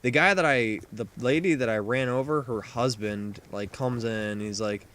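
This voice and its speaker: A man narrates a mishap as casual gameplay commentary. His pitch sits in the ordinary middle range, and he stumbles through restarts and constant fillers, with swearing mixed in. A steady layer of background noise runs clearly under his voice. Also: normal speed. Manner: rambling, filler-heavy, profane. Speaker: gaming commentator. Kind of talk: casual storytelling over gameplay. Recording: noisy commentary recording.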